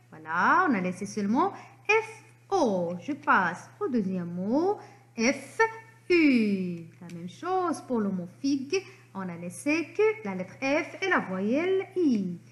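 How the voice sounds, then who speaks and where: Woman teacher for a children's reading lesson, high and animated, slow and clear on every syllable. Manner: cheerful praise and prompts to children.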